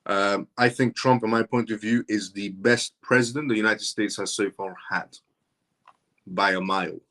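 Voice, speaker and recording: His voice sits on the low side, steady in tone and at normal speed, fairly bright. The thirty-something streamer reads out comments from viewers and responds, repeating himself emphatically and insistently.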